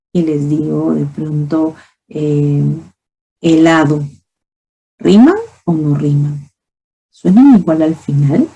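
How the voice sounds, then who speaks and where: A woman's voice: sits low, creaky, dark tone, slightly rough. A woman teacher giving a lecture to other teachers, explaining with spoken examples and rhetorical questions and often asking "¿no?". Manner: often asks "¿no?" to check understanding. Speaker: teacher speaking to fellow teachers. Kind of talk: recorded lecture on early reading.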